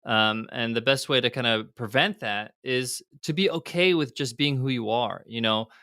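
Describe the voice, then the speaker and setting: A man's voice: medium pitch, normal speed, bright, forceful tone, smooth, no room sound, clean studio sound. A middle-aged man, a guest entrepreneur, speaking candidly in a casual podcast interview with frequent fillers and restarts. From United States.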